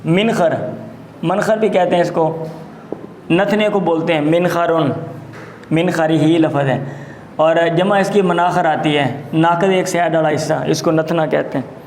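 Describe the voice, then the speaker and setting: A male teacher lectures a class and goes through terms one at a time. His voice sits a little high, and he repeats each word slowly. The room is echoey, with a faint hum underneath. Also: steady tone, darkish tone. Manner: explains words slowly, repeating terms, mixes in Punjabi asides. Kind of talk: classroom lecture explaining vocabulary.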